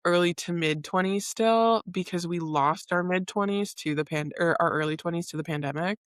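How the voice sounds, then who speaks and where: A woman's voice: fairly low pitch, moderate pace, no room sound, clean studio sound. A woman in her late twenties co-hosting a podcast, chatting loosely with lots of "like" and frequent laughter. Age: late 20s. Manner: chatty, laughing, full of filler "like". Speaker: podcast co-host. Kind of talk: casual chat.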